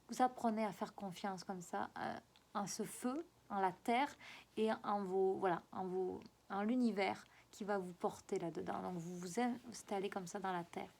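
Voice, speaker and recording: Woman, regional French accent, spiritual guide. Mid-pitched, coaxing, repetitive, halting delivery. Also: darkish tone. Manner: coaxing and repetitive, often halting to search for words. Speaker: spiritual guide giving a card reading. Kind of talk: spoken spiritual guidance.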